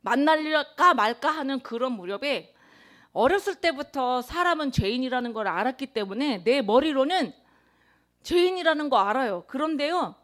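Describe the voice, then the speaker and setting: A woman preaching a sermon, telling a personal confession in an earnest tone with emphatic swells of loudness. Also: high voice, expressive, moderate pace. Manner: introverted by her own account.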